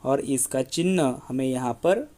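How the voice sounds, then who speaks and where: A man's voice: medium pitch, dark tone. A male school teacher, giving an online grammar lesson and often prompting students to look and listen. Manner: slow, repetitive teaching with frequent "देखो" prompts.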